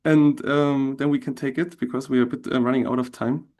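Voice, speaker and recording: A man's voice: mid-range voice, fairly even intonation, brisk, darkish tone. A man moderating an online meeting in a polite, hesitant way, with many ums. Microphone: video call.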